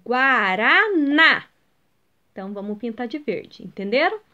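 A Brazilian woman teacher talks schoolchildren through a lesson in a fairly high voice that swoops lively up and down. She is patient and explains step by step, drawing out each example word slowly and stopping often to ask whether everyone is following. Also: dull audio. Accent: Brazilian Portuguese. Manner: patient, sounds out words slowly and emphatically; explains step by step, checks in with "ok?" and "entenderam?".

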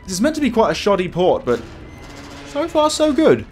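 A man's voice: high-pitched, huge pitch swings, moderate pace. A man giving casual let's play commentary as a scared, jumpy horror game streamer who exclaims and swears. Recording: music behind the voice.

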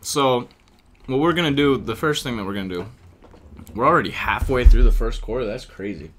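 A man's voice: medium pitch, brisk, a bit bright, slight background noise. A man hosting a casual podcast, chatting with rambling fillers while he eats. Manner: rambling, filler-heavy, jokey. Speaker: podcast host. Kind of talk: casual chat while eating.

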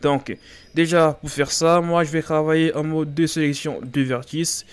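A man's voice: on the high side, steady tone, moderate pace, clean tone. A man hosting a beginner 3D modelling tutorial, talking casually with fillers and self-deprecating jokes over a screen recording. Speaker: Blender tutorial host.

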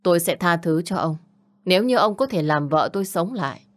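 A woman's voice: fairly low pitch, lively intonation, brisk, lightly acted. A woman voicing a cold, controlled young man who speaks curtly. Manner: curt, controlled. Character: cold, powerful young man, grieving widower.

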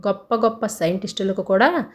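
Excitable young man, read by a woman, raised questioning voice, storybook. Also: mid-range voice, a little fast, lightly acted. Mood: admiring.

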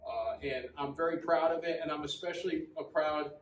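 A man in his forties talks through a custom bike in an easy, conversational way, with plenty of ums and uhs. His voice sits a little high. The camera stands a few feet off in a large metal-walled showroom, so the sound is roomy and echoing, with a faint hum behind it. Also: steady tone, a little fast. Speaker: custom motorcycle builder, shop owner. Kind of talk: casual walkaround shop tour. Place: large indoor motorcycle showroom with metal walls. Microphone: camera several feet away. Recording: roomy echo, distant mic, faint room hum.

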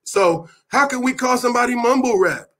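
A middle-aged man from Oakland teaches hip hop history in a loose, conversational way. His voice sits high and light. He peppers his talk with street slang and swears, breaking into loud bursts to drive a point home. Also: fairly quick. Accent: Oakland, California. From Oakland, California. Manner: animated, with sudden loud bursts. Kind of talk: casual lecture.

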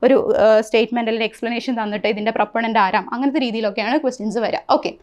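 A woman's voice: on the high side, steady tone, very fast, a little mellow. A woman teacher with a Malayali accent explaining an exam syllabus, often asking rhetorical questions as she goes.

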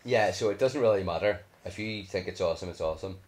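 A man's voice: sits low, quick pace. A man chatting casually and playfully while co-hosting a mobile game video with his child. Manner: chatty and playful, cheering loudly. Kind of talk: casual chat.

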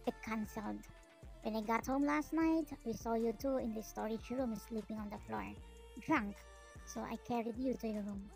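A woman's voice: on the high side, moderate pace, creaky, a little mellow, soft background music. A woman voicing a grumpy young mafia man. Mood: scolding. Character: stern young mafia man, short-tempered, nagging.

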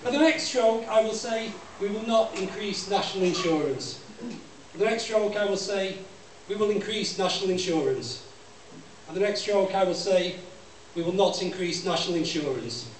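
Standing at a mic in a small library room, a high-voiced male poet delivers a measured, declamatory poem with repetitive deadpan recitation before an audience. A camera at a distance records it, so the sound is noisy and full of room echo.

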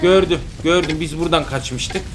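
Over background music and some noise, a fairly high-pitched male voice moves at a moderate pace. The speaker, a young dad with a gaming channel, hosts a relaxed let's-play full of teasing and theatrical outbursts.

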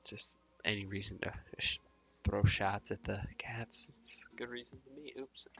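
A man's voice: lowish voice, moderate pace, creaky, bright, forceful tone. A man hosting a gaming channel, talking through gameplay in casual, rambling commentary with many hesitations and fillers.

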